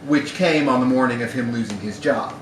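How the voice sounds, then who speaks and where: In a bar room at a live event, a man with a mid-range voice reads a literary short story briskly and wryly, performing it like a storyteller. The recording is echoey and noisy, picked up by a distant mic.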